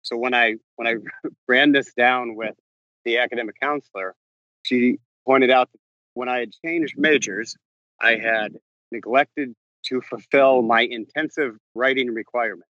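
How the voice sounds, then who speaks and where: In a steady, sharp mid-range voice, a man interviewed as a novelist walks about outdoors on a campus, his sentences halting and often restarted or self-corrected. The recording is muffled, with no room sound.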